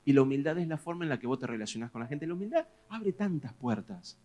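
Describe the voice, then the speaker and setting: A pastor with a Rioplatense Spanish accent preaches a sermon in a lively, conversational style, his mid-range voice moving at a quick pace. He presses questions on his congregation, his animated delivery growing loud as each question rises.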